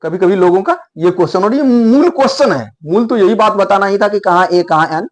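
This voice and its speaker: High-voiced man teaching English grammar. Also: expressive, a little fast. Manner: repetitive, emphatic teaching, spells out letters. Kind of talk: explaining grammar in Hindi, writing on a board.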